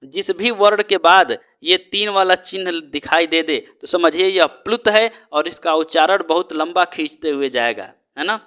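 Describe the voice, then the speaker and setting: Male teacher, high and bright, asks a question and answers it himself, keeps checking in with the class. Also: moderate pace, few pauses, clean tone. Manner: stretches out the sounds he teaches. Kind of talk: exam-prep lesson.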